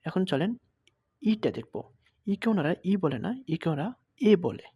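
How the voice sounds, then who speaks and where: A young man with a husky, slightly breathy voice that sits a little high teaches letters step by step. He speaks Bengali as his first language and repeats each example word slowly and patiently. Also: lively intonation, highs cut off. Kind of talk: explaining at a blackboard.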